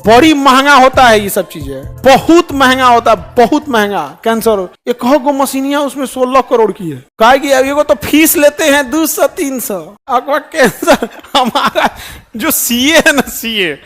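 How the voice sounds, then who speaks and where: A man's voice: very high-pitched, expressive, measured pace, fairly bright tone, faint music behind. A man with a Bihari Hindi accent giving an emphatic motivational speech to students, often asking the audience questions. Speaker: speaker addressing students.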